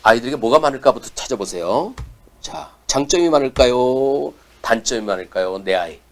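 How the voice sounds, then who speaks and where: A man lectures a room of parents in a lively voice, his pitch rising and falling widely. He keeps turning to his listeners with questions and waits for their answers. His voice sits in a middle register for a man. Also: a little fast. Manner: animated, asks the audience questions.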